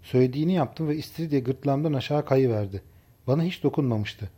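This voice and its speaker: Mellow male audiobook narrator. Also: mid-range voice, fast talker, slightly rough. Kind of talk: first-person novel narration.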